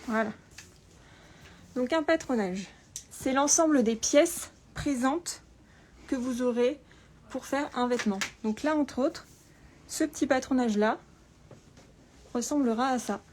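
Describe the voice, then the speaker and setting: A woman presenting an informal tutorial through a face mask, speaking carefully and deliberately with frequent pauses and a slightly muffled sound. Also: high-pitched, a little mellow. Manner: careful, deliberate, often pausing. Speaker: patternmaker presenting a lesson. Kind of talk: spoken tutorial with informal explanations. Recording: clear background room noise.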